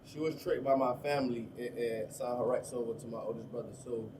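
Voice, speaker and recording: A man's voice: mid-range voice, steady tone. A man of thirty with a Miami accent, talking casually as an interview guest about his life, in loose street slang. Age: 30s. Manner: fast, loose street slang, lots of "you know what I'm saying". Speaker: rapper guest. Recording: distant mic with faint room noise.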